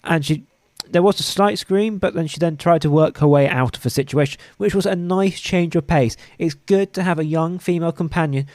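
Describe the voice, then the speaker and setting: A man hosting a casual podcast, with a dry, wry way of talking and some halting restarts. His voice sits a little high. The sound is close and dry. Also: darkish tone, no echo. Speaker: podcast host. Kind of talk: casual review chat.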